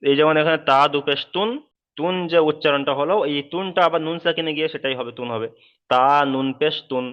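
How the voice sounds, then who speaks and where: Man drilling Arabic letters in a sing-song voice. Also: on the high side. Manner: slow sing-song drilling of letter sounds, then quicker explanation. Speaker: Quran reading teacher. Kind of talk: recorded online lesson, spelling out Arabic letters. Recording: dull, muffled recording.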